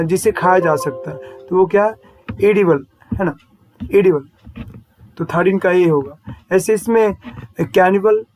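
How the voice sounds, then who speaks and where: A man teaching an exam answer walkthrough. He explains each step, keeps checking in with a quick question, and reads the English phrases out slowly. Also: high-pitched, poor audio.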